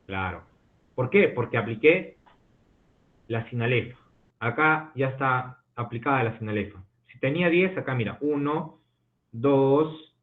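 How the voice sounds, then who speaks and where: A male literature teacher giving an online class, explaining step by step and checking understanding with quick questions. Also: medium pitch. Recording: tinny phone-like audio from an online call.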